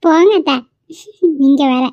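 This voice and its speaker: A woman voicing a shy, high-voiced young bride. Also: flat delivery, brisk, dark tone, dry recording, muffled recording, natural voice. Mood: bashful. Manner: bashful, coy. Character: shy young newlywed wife. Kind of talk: cartoon voice acting.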